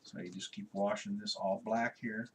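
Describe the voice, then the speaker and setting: A man teaching a drawing lesson, relaxed and instructive, talking as he works and pointing out each line. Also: fairly low pitch, normal speed, a little hiss or hum. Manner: relaxed, instructive, talks while working with frequent pointing words. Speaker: art instructor. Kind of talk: drawing tutorial walkthrough.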